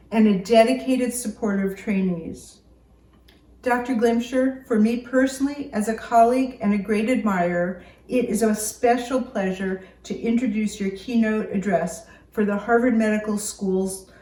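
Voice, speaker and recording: Woman, academic introducer, formal measured podium speech; mid pitch, roomy sound, off-mic. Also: darkish tone. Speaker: academic introducing a keynote speaker. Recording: roomy echo, distant microphone.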